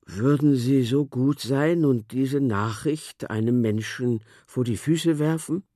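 A narrator voicing a big, gentle old rock who talks politely in a storybook. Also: mid-range voice, slow, no room sound, studio quality. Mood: worried.

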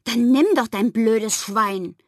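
A woman voicing a stubborn, bossy little girl, raising her voice into a high childlike tone. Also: takes it slowly, vocal fry, a little mellow, dry recording, clean studio sound, exaggerated voice. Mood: upset. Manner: high childlike voice, pleading then shrill.

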